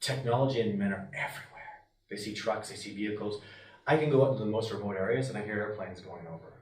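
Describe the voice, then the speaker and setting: Brief: emphatic man, wilderness expert type, animated delivery, mic set back in an echoey room. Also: on the low side, fast talker. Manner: emphatic, animated, often voices what others might say. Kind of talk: passionate interview talk. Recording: roomy and distant from the mic.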